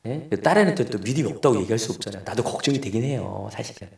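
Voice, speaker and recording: Speaking very fast and animatedly, this middle-aged pastor has a medium-pitched, creaky voice with a darkish tone. He preaches in a church sanctuary, telling a family story and acting out the dialogue in quoted voices. The recording is echoey, made with a distant mic.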